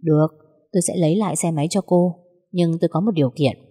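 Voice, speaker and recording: Storybook young male suitor, steady and teasing, read by a woman, husky lowish voice. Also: fast, big-room sound. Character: young man, calm, teasing, persistent suitor.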